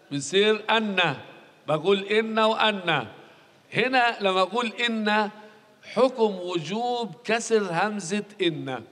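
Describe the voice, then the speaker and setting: High-voiced Palestinian man lecturing grammar. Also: a bit bright, long reverb tail. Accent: Palestinian Arabic. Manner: repeats key rules and quizzes students. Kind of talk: recorded classroom lecture.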